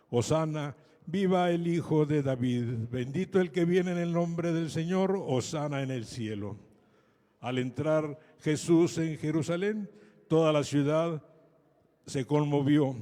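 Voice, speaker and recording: A man's voice: fairly high pitch, warm tone. A man giving a solemn liturgical scripture reading as a priest, his voice carrying through cathedral echo. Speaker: priest proclaiming the Gospel at a Palm Sunday Mass. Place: large cathedral. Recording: cathedral echo, long hall reverb.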